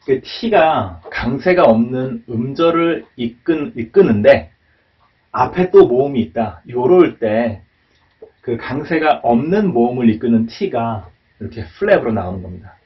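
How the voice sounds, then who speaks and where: Male teacher, mid pitch, halting whiteboard lecture, heard from across a room on a dull mic. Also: expressive, far from the mic. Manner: hesitant, many fillers and tag questions. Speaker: English pronunciation teacher.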